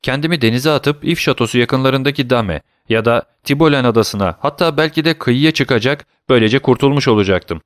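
A man's voice: mid-range voice, brisk, few pauses, no room sound, clean studio sound, pitched above the performer's own voice, lightly acted. A man voicing an older prisoner behind a dungeon wall, asking terse, cautious questions, in an audiobook reading. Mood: regretful. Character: old male prisoner, muffled voice through a wall, cautious.

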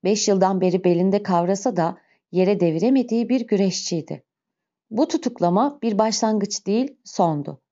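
Mellow-voiced woman narrating a novel. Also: medium pitch, normal speed. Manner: steady, expressive storytelling. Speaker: audiobook narrator. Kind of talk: dramatic literary narration. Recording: slightly muffled recording.

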